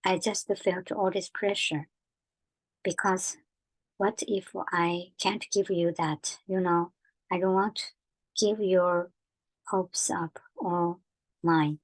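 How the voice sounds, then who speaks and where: An actress in her forties playing a loving, anxious mother who talks softly and haltingly, repeating her words. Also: lowish voice, fairly even intonation, poor audio. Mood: tender. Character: tender, anxious mother of a teenage daughter. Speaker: mother in a family drama. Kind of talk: television drama acting.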